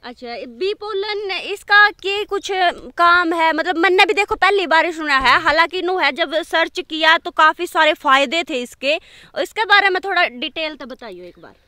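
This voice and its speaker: A young woman with a strong Haryanvi accent, interviewing a farmer out in a mustard field on a handheld mic. Her voice sits high and carries easily, and she talks in a chatty dialect, nudging things along with little hums. The sound is dry and close, with no room around it. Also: moderate pace, sharp tone, no room sound. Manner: chatty, lots of short hmm acknowledgements. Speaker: interviewer and host. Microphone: handheld reporter mic.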